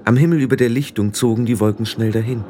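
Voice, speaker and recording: A man's voice: fast talker, slight background noise. Man reading an audiobook aloud. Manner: expressive, raises pitch for the girl's lines. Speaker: audiobook narrator. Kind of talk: audiobook reading with character voices.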